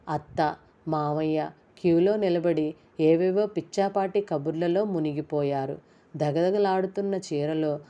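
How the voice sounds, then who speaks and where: Low, mellow woman reading a story. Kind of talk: scripted story narration.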